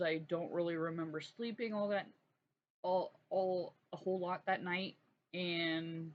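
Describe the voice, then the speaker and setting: A woman hosting her own channel, telling a personal story in a halting, earnest way with many restarts. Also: sits low. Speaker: art channel host. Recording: dull lo-fi sound with faint noise.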